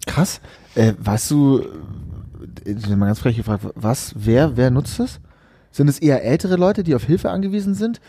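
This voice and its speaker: A male podcast host chats informally with a relaxed, dark-toned voice at an average pitch. The sound is very dry and close. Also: normal speed, slightly rough, no echo. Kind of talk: casual podcast chat.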